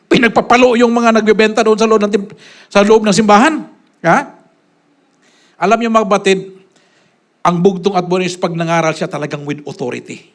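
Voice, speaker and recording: A man with a high-pitched voice preaching a sermon. He swings from raised, insistent lines to near-hushed asides and keeps checking in with his listeners by asking short questions. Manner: preaches with sharp swings between loud and hushed, often asking "Ha?". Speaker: pastor.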